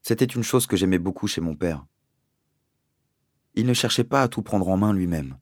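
Male audiobook narrator, very low voice, measured and deliberate, dry close recording. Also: animated, no room sound. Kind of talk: audiobook reading.

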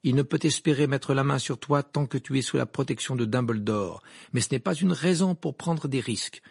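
A man's voice: mid-range voice, fairly quick, gravelly, a little mellow, slightly rough, dry recording, clean studio sound, voice pushed up. A man reading an earnest protective godfather. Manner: earnest, advising.

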